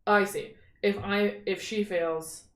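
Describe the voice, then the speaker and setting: A woman running a tabletop game as game master, explaining rules and reading spell text aloud in a steady, explanatory way. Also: medium pitch, slow pace. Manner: explanatory, reads rules in a steady, even flow. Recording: echoey room.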